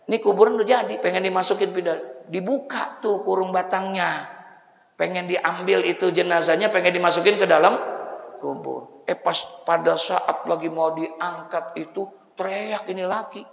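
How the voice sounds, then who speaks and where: A high, gravelly male voice with a Betawi accent tells a humorous sermon story, folksy and full of questions to the crowd. His voice rings in a long, echoey hall on a dull, lo-fi recording. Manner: folksy, joking, asks the audience questions. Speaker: preacher.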